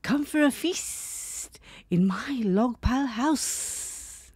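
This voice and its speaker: A woman voicing a slinking male snake with a whispery, drawn-out voice. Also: fairly high pitch, expressive, darkish tone, breathy edge, no room sound, pitched above the performer's own voice, exaggerated voice. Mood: sly.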